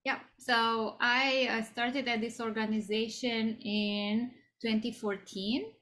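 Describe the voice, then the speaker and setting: Interview guest: woman, 40s, high bright voice, chatty with many ums. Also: steady tone, takes it slowly. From Romania. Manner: conversational, many fillers and restarts. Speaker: guest speaker. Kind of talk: career interview.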